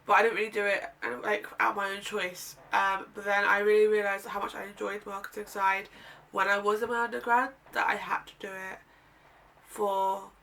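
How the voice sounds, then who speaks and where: A woman in her twenties from the United Kingdom talks to camera in a relaxed seated vlog, chatty and meandering, revising herself as she goes. Her medium-pitched voice is brisk and level, creaky, pushed and bright, with a nasal, blocked-up quality. It's captured on a distant mic with faint room ambience.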